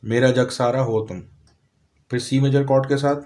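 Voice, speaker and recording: A man with a Pakistani Urdu accent, calmly explaining a piano lesson step by step, sometimes singing short lyric lines slowly. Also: mid-range voice. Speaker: music teacher. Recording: piano playing behind voice.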